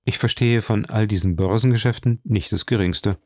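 A man voicing a composed, watchful count in an audiobook, speaking in measured tones. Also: lowish voice, darkish tone, dry recording, studio quality, close to an everyday voice.

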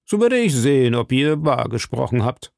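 A silky, commanding older cardinal, read by a man in a storybook reading, weighing each word slowly. His voice is gravelly, with a dry, close sound and no room around it. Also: mid-range voice, big pitch swings, a little mellow, no room sound. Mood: probing. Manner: measured, slow, probing. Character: stern, silky older male cardinal of high rank. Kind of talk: audiobook reading.

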